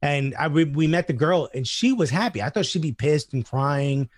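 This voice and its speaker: A male comedian talking as a podcast guest, telling animated stories, swearing freely and acting out quoted voices. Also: on the high side, moderate pace, no echo. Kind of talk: casual chat.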